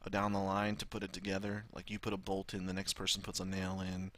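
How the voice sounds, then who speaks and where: A gaming video host with a Southern US accent gives casual, rambling gameplay commentary, thinking aloud and swearing freely. His voice is low-pitched, monotone and a bit bright, and he talks fast.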